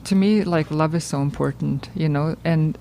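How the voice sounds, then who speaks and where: A woman filmmaker talking conversationally in an interview, halting as she searches for words. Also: deep voice, dark tone, a little hiss or hum, low-quality recording. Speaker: filmmaker guest.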